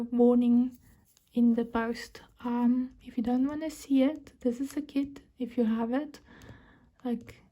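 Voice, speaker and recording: Counting under her breath in frequent whispers, a South African crafting vlogger chats casually while she crafts. She's a native Afrikaans speaker with a South African accent, and her voice is a little high and warm.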